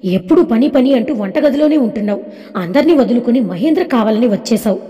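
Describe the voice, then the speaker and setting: A woman's voice: a little high, animated, fast talker, highs cut off, natural voice. A woman reading the lines of a caring mother-in-law who fondly scolds her daughter-in-law and son in a storybook tale. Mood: tender. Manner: fond, coaxing scolding. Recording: long reverb.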